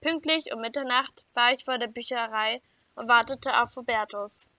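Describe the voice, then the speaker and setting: A woman reading a first-person children's story aloud in an even, clear storytelling manner. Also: fairly high pitch, normal speed, dry recording. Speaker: story reader. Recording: dull lo-fi dry recording.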